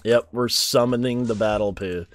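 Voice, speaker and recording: A man's voice: mid-range voice, moderate pace. A man hosting a gaming channel, chatting casually through a let's-play, jokingly reading game dialogue aloud and admitting he is unsure how names are pronounced. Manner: reads game dialogue aloud and laughs at it, jokes around.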